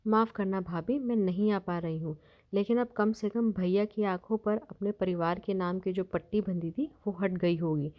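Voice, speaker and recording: A woman's voice: mid-range voice, moderate pace, natural voice. A woman voicing a kind young sister-in-law who speaks in an apologetic, reassuring way, in a storybook tale on a dull lo-fi recording.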